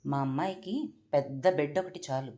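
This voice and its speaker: Blunt stubborn mother of a heroine voiced by a woman, brusque and a bit indignant, low dark voice. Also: normal speed, natural voice. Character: blunt, stubborn middle-aged mother of an actress.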